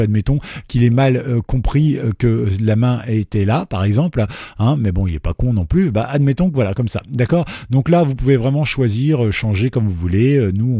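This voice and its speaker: Male tutorial host: dark, slightly husky tone, chatty and self-deprecating, dry recording. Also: mid-range voice, no echo. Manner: jokey, self-mocking, chatty. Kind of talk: casual screen-recorded tutorial.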